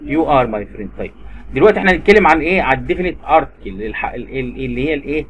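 Patient Egyptian teacher drilling grammar. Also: male voice, mid-range voice, animated, very fast, muffled recording, a little hiss or hum. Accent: Egyptian Arabic. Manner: patient, repeats words over and over. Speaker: English teacher. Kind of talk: drilling grammar lesson for a child.

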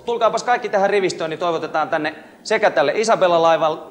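A man hosting a TV quiz show live aboard a cruise ship, bantering and teasing the contestants between questions. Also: high voice.

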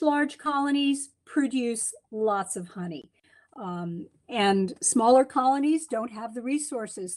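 A middle-aged woman giving a chatty slide lecture from home over a webcam, with many ums and restarts. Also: on the high side. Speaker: beekeeping speaker. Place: home room, indoors. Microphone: webcam on a video call.

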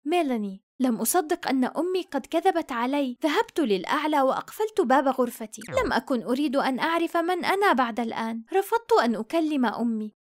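A woman narrating a scripted first-person story in an expressive, dramatic way. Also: sits high, fast, few pauses.

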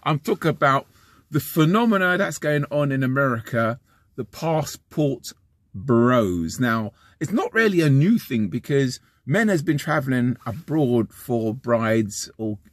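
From inside a parked van, a fifty-something man from London chats to a close-up camera in a West London accent, with a medium-pitched, unhurried voice. He's a vlogger who rambles, restarts and repeats himself, gesturing with animation. The audio is dry and studio quality.

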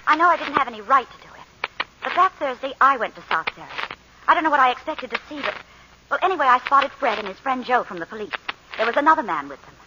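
A frightened young wife pouring out her story on a payphone call in a vintage radio play. Her voice sits high, rushes along in halting bursts and leaps up and down in pitch. The broadcast sounds dull and hissy. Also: sing-song. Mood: urgent. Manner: urgent, hurried, halting. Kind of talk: 1950s radio drama acting.

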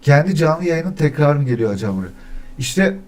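A man's voice: on the high side, big pitch swings, brisk, a little mellow. A man talking casually on a livestream, testing his mic by counting weekdays, reading the chat and grumbling about technical problems. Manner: easily annoyed, grumbling about echo. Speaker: streamer.

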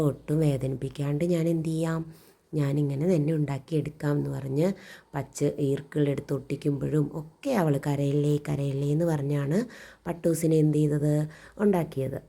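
A woman's voice: low voice, fairly even intonation, normal speed, vocal fry, dark tone. A woman teacher reading a story to children and explaining it, asking questions and answering them herself. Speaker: primary school teacher.

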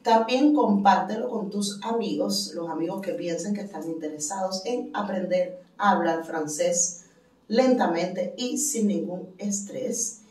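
A woman giving a casual language lesson as a French teacher, explaining patiently and repeating phrases slowly for learners. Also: mid-range voice, a little mellow. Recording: roomy echo, mic at a distance.

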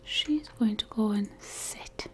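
Whispering as she plays a life-sim game, a woman gamer offers playful, wry commentary, bossing the game characters around. Her voice is medium-pitched and fairly bright, and she speaks slowly.

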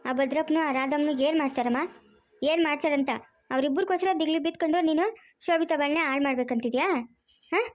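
A woman's voice: high voice, lightly acted. A woman voicing an argumentative grown daughter in a cartoon family drama, pleading and insistent. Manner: pleading, insistent, fast-talking.

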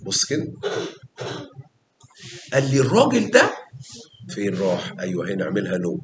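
Here a deep-voiced man with an Egyptian accent explains math energetically, prompting students with questions and repetition. His pitch swoops wildly while his speed stays normal. Crowd noise and reverb fill the recording.

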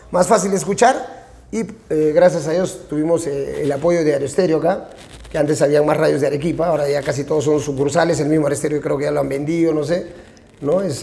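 Low, gravelly Peruvian man, frank. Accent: Peruvian Spanish. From Peru. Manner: frank, animated, tag questions. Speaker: band vocalist and songwriter. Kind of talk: casual interview talk. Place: small restaurant with brick walls.

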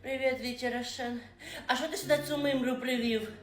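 A woman voicing a fussy elderly mother who is rude to her son's staff, with a shrill, mocking voice. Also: steady tone, fairly quick, close to an everyday voice. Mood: scornful. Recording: roomy room with faint music.

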